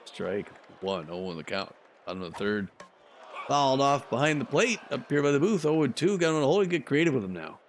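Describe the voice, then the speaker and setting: A man's voice: mid-range voice, sing-song, a little fast, slight background noise. A man calling a simulated baseball game play by play, chatty and cheering on his team. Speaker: commentator.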